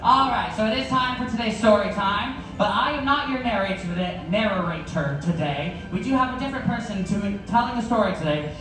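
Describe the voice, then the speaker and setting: A woman's voice: mid-range voice, lively intonation, fairly quick, distant mic, music in the background. A woman hosting a live stage event, rallying the audience to cheer and repeat after her. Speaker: event host warming up an audience. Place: indoor theatre on a cruise ship. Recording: very echoey theatre, loud crowd, noisy.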